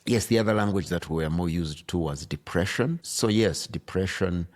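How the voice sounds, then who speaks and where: A man from Uganda with a low, deep voice. He talks like a bishop being interviewed on a podcast, slow to choose his words and weighing each thought as he goes. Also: darkish tone. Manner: thoughtful, deliberate, searching for words. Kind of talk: reflective conversation.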